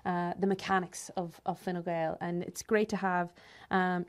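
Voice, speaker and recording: A woman's voice: mid-range voice, a little mellow. A woman with an Irish accent hosting a podcast and interviewing guests in a conversational style. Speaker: podcast host.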